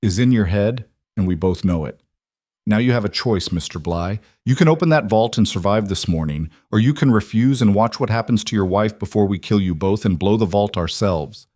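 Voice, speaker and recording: A man voicing a calm, cold outlaw leader who speaks in a measured way. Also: on the low side, no room sound, studio quality. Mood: menacing.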